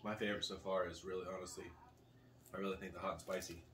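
A man in his thirties with a low voice talks casually through a food tasting. He is picked up by a camera mic a little way off in a living room, with faint room noise behind him. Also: flat delivery, fast, a bit bright. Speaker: host of a food challenge video. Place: small living room at a table, indoors. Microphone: camera a couple of metres away.

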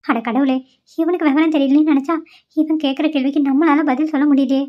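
A woman's voice: high voice, steady tone, fast, dull audio, natural voice. A woman voicing a worried young mother in a cartoon, anxious and fretful about her son.

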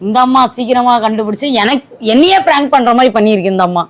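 Woman family vlogger, high voice, playful and exasperated, casual on-camera banter. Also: fast.

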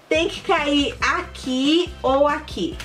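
A woman hosting a children's channel, playing a board game in an excitable, sing-song presenter way with lots of exclaiming. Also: high voice. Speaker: kids' channel host. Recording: voice a bit far from the mic, faint music.

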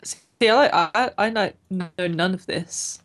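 A woman's voice: medium pitch, measured pace, a bit bright. A young woman in casual gaming chat, a self-mocking beginner who mutters to herself while playing. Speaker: beginner gamer.

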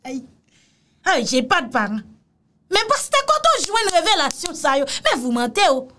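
Woman, mocking reaction commentator; high, very animated delivery. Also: normal speed. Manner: mocking and exclamatory, repeats phrases, mixes in Creole. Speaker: commentator reacting to a video clip.

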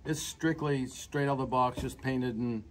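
A man at a model club meeting, talking casually and in a halting, rambling way about his build. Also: medium pitch, steady tone. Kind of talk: casual chat. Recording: noisy room recording.

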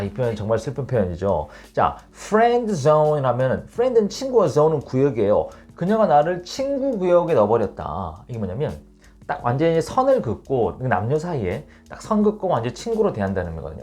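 A man teaching an online English lesson. He explains patiently and reads the English examples slowly and clearly. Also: mid-range voice, huge pitch swings, a little mellow.

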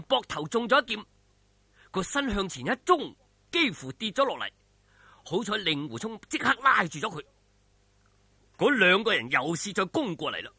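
A man with a Hong Kong Cantonese accent animatedly narrates a martial arts novel in a dramatic, colloquial style, packed with exclamations and vocal sound effects. His high voice is bright and forceful with a breathy edge, recorded dry.

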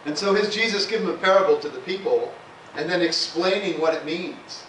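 A male pastor's high-pitched, slightly bright voice moves fairly quickly through a conversational sermon peppered with "amen" and "hallelujah." It was recorded at a distance in an echoey church sanctuary, with a faint hiss.

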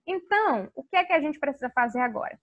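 A woman teaching English to young children in a video lesson, with a sing-song teacher manner and slowly spelled-out English words. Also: sits high, lively intonation, a bit bright, highs cut off. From Brazil. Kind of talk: recorded video lesson for kids.

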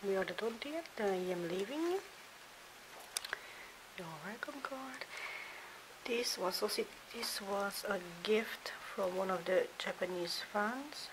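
A woman's voice: medium pitch, slow pace, pauses often. A woman vlogging casually from a dim hotel room, chatting and sometimes half-whispering as she shows her things. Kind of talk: casual show-and-tell vlog. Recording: hissy home recording. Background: steady hiss.

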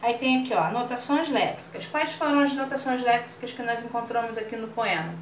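A woman's voice: a little high, brisk. A woman teacher with a Brazilian Portuguese accent, explaining a grammar lesson patiently and checking understanding often. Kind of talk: online class lesson. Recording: roomy far-off mic with faint room noise.

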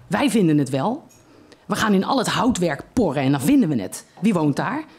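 A reader voicing an eager young boy who talks quickly and excitedly. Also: medium pitch, slightly rough.

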